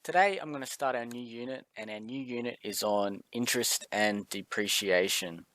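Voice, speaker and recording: A man teaches a recorded maths lesson, talking casually and filling pauses with ums and uhs. His voice sits at an ordinary pitch, and the recording is dry and close with no room sound. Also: a bit bright, dry recording. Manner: casual, friendly, chatty with filler words.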